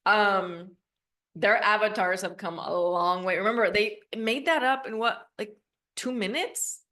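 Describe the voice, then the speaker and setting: A woman's voice: medium pitch, measured pace, sharp tone. A woman teaches an online class in an informal, upbeat, chatty way. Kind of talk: casual live software demo. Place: online video class with screen share.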